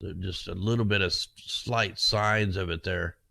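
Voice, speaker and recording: A man's voice: deep voice, fairly even intonation, normal speed, creaky, pushed and bright, no echo. A man casually talking through weather maps as host, rambling and conspiratorial, with his voice getting worn. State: losing his voice. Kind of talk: casual screen-share commentary.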